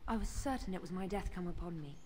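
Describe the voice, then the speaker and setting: A woman's voice: lowish voice, animated, fast, background noise, natural voice. A woman playing a worried, shaken young female mage in a video game. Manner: worried, fearful.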